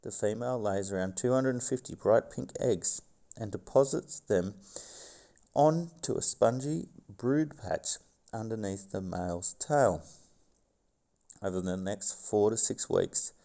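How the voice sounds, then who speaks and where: Low gravelly guy doing nature documentary narration, kinda dark mellow voice. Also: measured pace. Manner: stumbles over words and scientific names. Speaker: video host.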